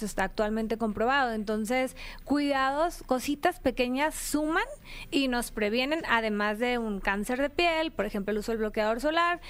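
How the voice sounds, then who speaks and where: A woman speaks as a guest doctor on a radio show. Her voice is smooth and clear and sits a bit high, and she explains in a brisk, upbeat way, piling up examples. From Mexicali, Baja California, Mexico. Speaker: guest physician.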